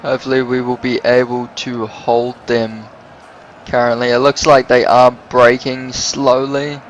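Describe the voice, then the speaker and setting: A man's voice: medium pitch, flat delivery, a little slow. A man giving casual commentary over a strategy game he is playing. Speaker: gameplay commentator. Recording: noisy, game sound behind.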